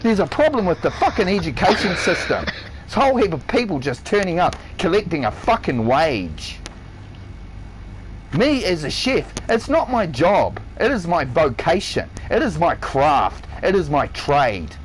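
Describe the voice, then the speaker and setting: A man with a high voice that leaps up and down his range as he vents on a live game stream. He is blunt, swears constantly, and hammers each point home. A faint hiss sits under his voice. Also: very animated, measured pace, rough recording. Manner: blunt, heavily profane, emphatic rant. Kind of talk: ranting livestream monologue. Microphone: console headset or stream mic.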